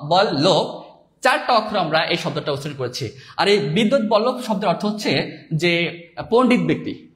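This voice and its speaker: A male teacher giving a live exam-prep lesson, reading out viewers' comments and spelling words slowly. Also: high-pitched, fairly bright tone. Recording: echoey room.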